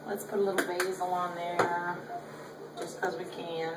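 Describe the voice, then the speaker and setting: A woman's voice: fairly low pitch, flat delivery, unhurried. An older woman with a Southern accent, chatting folksily through a home cooking demonstration in her kitchen, filmed by her son. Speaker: cooking show host. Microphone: camera held by her son. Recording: echoey room, distant camera mic, background noise.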